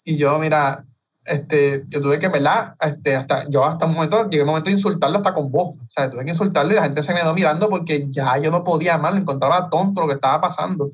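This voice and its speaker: A middle-aged man from Puerto Rico talks earnestly as an interview guest, often restarting his sentences. His voice sits a touch high, and he is heard from a distance over a home video call. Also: fast talker, breathy edge. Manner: earnest, explains with many restarts and fillers. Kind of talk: interview conversation.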